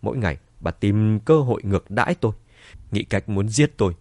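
Narrator putting on a furious old dad, lower and cold, dry close sound. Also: male voice, expressive, a little fast, a little mellow, no echo. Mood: angry. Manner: sneering, low and angry. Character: furious older father, bitter and cold.

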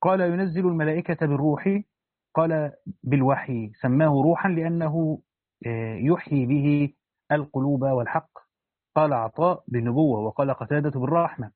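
Brisk man reading a religious text. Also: a little high, dry recording. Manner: brisk recitation of the text, with plain spoken asides to students. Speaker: teacher reading and explaining a Quran commentary. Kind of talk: religious lesson, reading a text aloud with comments. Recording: dry, thin phone-like line.

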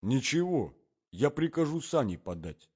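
A man playing a towering gentleman with a husky voice who speaks in a gruff, grumbling way, on a dull lo-fi recording. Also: medium pitch, big pitch swings, unhurried.

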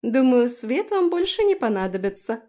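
Female narrator doing a haughty young noblewoman, high and mellow, scheming behind fake tears. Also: sing-song, normal speed. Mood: mocking. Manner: tearful pleading, then mocking.

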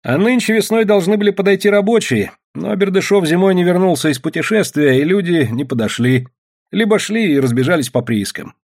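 A man's voice: sits high, lively intonation, fairly quick, darkish tone, pitched above the performer's own voice. A man voicing a young male mine manager who explains things plainly in an audiobook. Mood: explaining. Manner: matter-of-fact, explaining. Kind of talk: audiobook narration.

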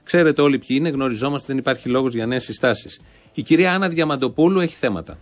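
A man hosting a satirical show, giving fiery, sarcastic political commentary and rallying his listeners. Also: mid-range voice.

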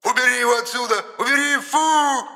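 A shrill screeching spirit in a doll. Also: male voice, steady tone, brisk, sharp tone, in a large hall, full character voice. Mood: shrieking. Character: shrieking spiteful male spirit trapped in a doll.

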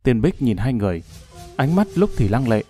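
A man narrating a martial-arts novel as an audiobook, in a steady, even storytelling manner. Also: medium pitch, fairly quick, faint music behind.

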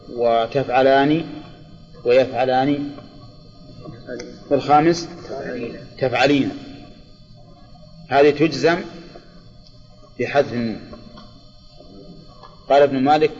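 A man, a religious scholar giving a classroom grammar lecture, deliberately repeating examples and quizzing his students. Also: mid-range voice, a little mellow. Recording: lo-fi reverberant hall recording with faint music.

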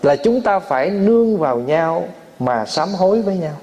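Male monk, fairly high voice; sermon delivery with lively acted-out anecdotes. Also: moderate pace, lo-fi sound, slight background noise. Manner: storytelling, acts out family quarrels, laughs often. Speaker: Buddhist monk giving a dharma talk.

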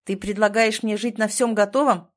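A woman reading an audiobook and voicing a stubborn, proud man who speaks in a low, hollow, guarded tone. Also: fairly even intonation, normal speed, natural voice. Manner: clipped, tense and reluctant. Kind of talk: audiobook character voice.

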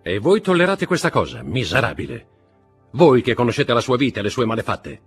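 A man's voice: medium pitch, lively intonation, breathy edge, soft background music, pitched above the performer's own voice. An Italian man reading an audiobook, voicing a stern nobleman disguised as a priest who questions and accuses with cold authority. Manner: commanding, accusing, measured.

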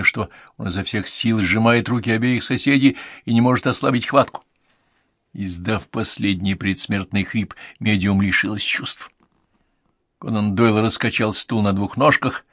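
A man's voice: on the low side, fairly bright tone, no echo. Dramatic male audiobook narrator, dry sound. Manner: dramatic reading.

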